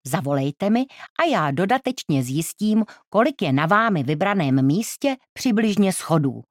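A woman's voice: lowish voice, sing-song, dry recording, studio quality. A woman voicing a polite, businesslike travel agent with glasses in a storybook reading.

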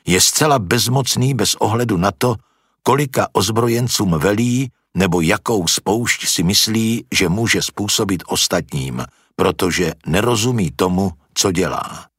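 Narrator: man with a low, husky voice, dry close sound, steady storytelling read. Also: no echo. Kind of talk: scripted narration.

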